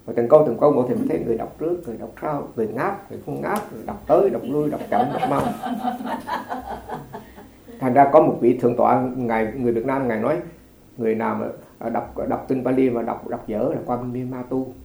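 Chatty monk, echoey room. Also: male voice, mid-range voice, fast, vocal fry, mellow. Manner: chatty storytelling with frequent restarts and light laughter. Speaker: Buddhist monk teaching a congregation. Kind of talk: informal dharma talk.

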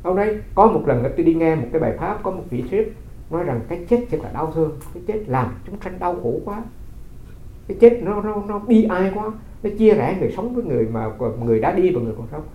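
Male monk, quick conversational dharma talk, slightly high voice, roomy recording. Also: sing-song, muffled recording, slight background noise. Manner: conversational storytelling with rhetorical questions. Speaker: Buddhist monk.

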